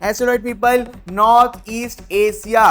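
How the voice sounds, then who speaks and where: A woman with a fairly high voice is teaching an exam revision lesson. She keeps it playful and chatty, firing quiz questions and answering them herself. Soft music runs quietly underneath. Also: steady tone, measured pace.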